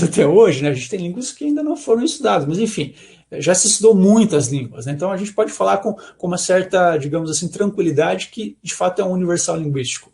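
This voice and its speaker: A man from Brazil with a Brazilian Portuguese accent, giving an academic talk in an explanatory way and often ending points with a quick check-in question. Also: high voice, gravelly, darkish tone. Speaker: lecturer.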